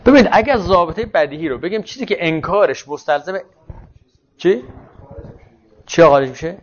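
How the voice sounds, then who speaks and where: A man's voice: high-pitched, lively intonation. Brief: male philosophy lecturer who thinks aloud and corrects himself mid-sentence, dull lo-fi sound. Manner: questions and answers himself. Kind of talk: university lecture. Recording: muffled lo-fi classroom recording.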